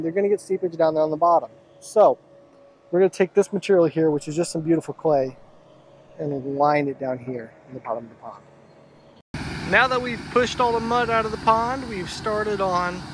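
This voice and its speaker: Young man explaining a pond dig outdoors. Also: on the high side. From Oklahoma. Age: young adult. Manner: earnest, explanatory, repeats words while thinking. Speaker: pond builder. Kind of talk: on-site explainer vlog. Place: outdoor construction site by a pond, heavy machinery nearby. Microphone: handheld phone camera at arm's length. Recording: outdoor recording with clear machinery noise.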